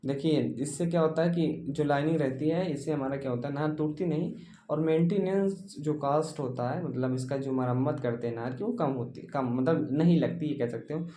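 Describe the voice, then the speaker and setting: Slightly high-voiced male teacher, explaining. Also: moderate pace, mellow, slight background noise. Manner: repetitive, explains step by step with rhetorical questions; friendly, calls students dear and brother. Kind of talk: exam-focused lecture.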